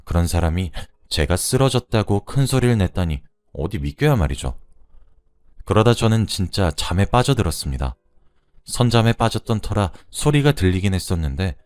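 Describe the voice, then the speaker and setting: Deep-voiced man narrating a story. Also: big pitch swings, moderate pace, darkish tone, dry recording, clean studio sound. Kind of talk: scripted first-person story narration.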